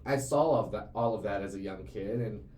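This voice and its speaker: A CEO and podcast host in his late twenties talks business in casual conversation, earnest but rambling, with lots of fillers and repeated words. He has a lowish, darkish voice and speaks fairly quickly. The audio carries faint ambient noise and a roomy echo.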